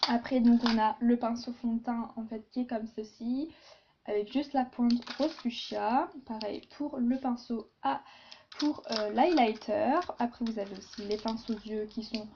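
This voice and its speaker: A woman's voice: fairly high pitch, fairly even intonation, unhurried, muffled recording, background noise. A woman chatting casually in a beauty haul video, with many fillers and asides. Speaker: beauty vlogger.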